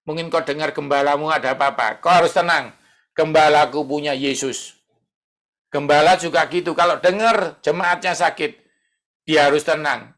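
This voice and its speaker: A man's voice: a little high, a bit bright. A middle-aged male pastor, preaching a conversational sermon and acting out prayers.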